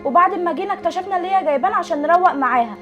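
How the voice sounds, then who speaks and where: Give me a young woman playing an indignant young guest with an Egyptian accent, complaining in a very high voice. She rattles off her words at great speed over light background music. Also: rapid-fire, highs cut off. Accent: Egyptian Arabic. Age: young adult.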